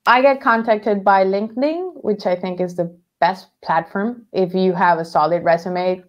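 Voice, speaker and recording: Lively woman from Venezuela on a headset. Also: medium pitch, moderate pace, dull audio. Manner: lively storyteller, laughs often. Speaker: guest. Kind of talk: casual interview chat. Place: home workroom, indoors. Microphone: headset on a video call.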